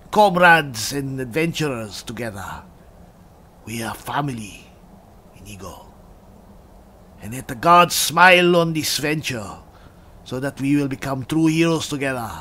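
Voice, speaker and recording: A man role-playing a hearty, loyal, bawdy barbarian adventurer in a game, speaking in halting, thoughtful phrases. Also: fairly high pitch, pushed and bright, heavily acted. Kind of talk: improvised game role-play.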